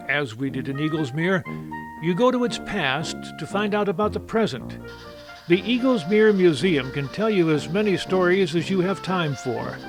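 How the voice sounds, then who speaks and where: A male feature-show host with a fairly high voice narrates in a folksy, reflective manner, phrasing things deliberately like a storyteller. Music plays behind him, and the recording is rough.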